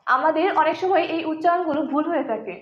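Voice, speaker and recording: A woman teaching English pronunciation in a scripted lesson, repeating each example word slowly and deliberately. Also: high-pitched. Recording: echoey room, dull lo-fi sound.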